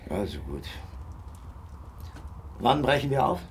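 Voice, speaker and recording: An actor playing Dr Watson, a loyal, stubborn companion and storyteller, earnest and expressive, in a German radio drama. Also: male voice, mid-range voice, slow pace, slight background noise. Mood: alarmed, insistent.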